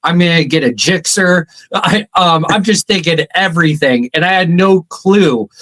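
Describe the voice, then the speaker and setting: A podcast co-host tells his own army memory, stopping and restarting as he goes. His voice sits a little high for a man, in a relaxed, conversational delivery. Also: normal speed. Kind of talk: casual podcast chat.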